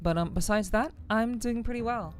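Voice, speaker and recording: A woman chatting casually on a livestream in a friendly, welcoming way, her throat a little rough. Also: fairly high pitch, normal speed, a little hiss or hum. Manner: friendly, chatty, gushing thanks and greetings. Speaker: streamer. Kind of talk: casual livestream chat, greeting viewers.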